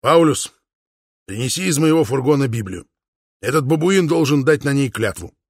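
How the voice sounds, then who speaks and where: A man's voice: mid-range voice, lively intonation, moderate pace, husky, dry recording, clean studio sound. A man doing a blustering old Boer father. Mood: solemn, stern. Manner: shouting, blustering. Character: gruff old Boer father, loud, protective.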